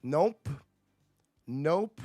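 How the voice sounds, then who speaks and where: A man's voice: on the high side, lively intonation, drawn-out words, dark tone, dry recording, studio quality, faint music behind. A man hosting a livestream, ranting at his chat in a profane, combative way. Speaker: livestream host. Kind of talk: casual livestream rant to chat.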